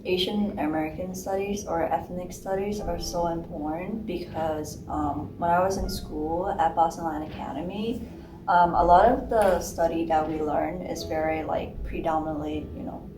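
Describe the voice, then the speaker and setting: A woman's voice: fairly low pitch, steady tone, normal speed, noisy background. Emphatic young woman, roomy echo. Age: young adult. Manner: emphatic, with fillers. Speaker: student interviewee. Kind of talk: casual interview answer. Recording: roomy with clear guitar music.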